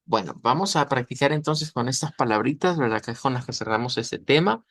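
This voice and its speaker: A man teaching German pronunciation in a lesson, explaining step by step and slowly sounding out words. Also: mid-range voice, a bit bright, no echo.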